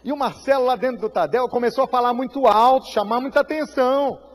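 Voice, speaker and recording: A Brazilian man preaches in a high voice that carries a long reverb through a church hall. He tells his story with strong feeling, acting out the voices and rising to shouts at the peaks. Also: fast. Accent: Brazilian Portuguese. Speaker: pastor. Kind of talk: sermon.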